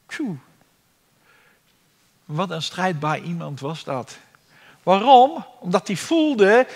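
High-voiced man preaching in a reverberant hall. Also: bright, forceful tone. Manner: dramatic preaching, acting out cries. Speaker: pastor. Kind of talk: sermon. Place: church hall. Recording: long reverb of a church hall.

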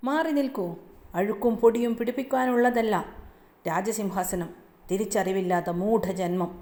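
A woman's voice: medium pitch, moderate pace, mellow, natural voice. Woman putting on a harsh scolding queen, haughty stepmother, storybook telling, roomy echo. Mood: scornful.

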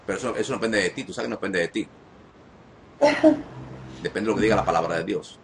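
A man leading a live deliverance prayer, giving commanding, repetitive orders that rise to shouted commands. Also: sits low, fast talker, gravelly, a little hiss or hum. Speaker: deliverance minister.

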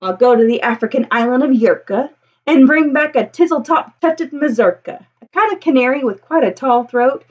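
A woman in her thirties reads a children's picture book aloud in a high, animated voice with a breathy edge, at normal speed and with a singsong, rhythmic delivery. The recording is muffled, made in a small indoor room lined with bookshelves.

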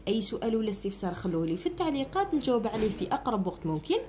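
With slight background noise, this Algerian-accented woman, a primary school teacher, races through a grammar lesson for children in a very animated, slightly high and a little mellow voice. She explains step by step, frequently asking "understood?" to make sure they keep up.

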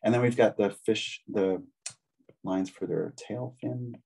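A man's voice: fairly low pitch, measured pace, vocal fry, mellow, husky. A man giving a casual, encouraging draw-along lesson, chatting with children as he draws. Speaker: drawing instructor.

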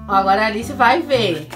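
Slow-talking mother filming a family vlog. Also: a little high. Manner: chatty and instructive, coaxing her daughter and often addressing viewers. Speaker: mother filming her child for a family channel. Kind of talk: casual family vlog talk to viewers. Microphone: camera mic, speaking from behind the camera. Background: background music.

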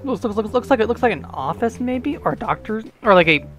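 A young man chatting while playing a game, excitable and stammering, reading the game's dialogue aloud. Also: sits high, fairly quick, faint music behind. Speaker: game playtester. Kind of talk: casual gameplay chat.

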